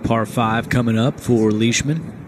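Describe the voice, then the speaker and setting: A man's voice: medium pitch, unhurried. A man working as lead golf commentator, calling live tournament play. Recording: steady outdoor background noise.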